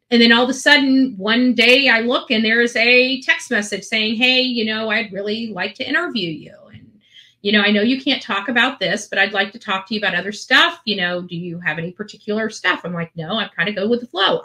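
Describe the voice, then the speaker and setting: Addressing her online followers, this channel host talks in a medium-pitched, sharp-toned voice. Her chat is loose and meandering yet earnest and emphatic, with phrases frequently repeated for effect.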